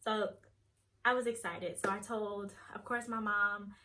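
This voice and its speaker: A woman's voice: medium pitch, flat delivery, measured pace, sharp tone. A young woman vlogger chatting casually, retelling a story and acting out each person's lines. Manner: chatty, acts out quoted dialogue.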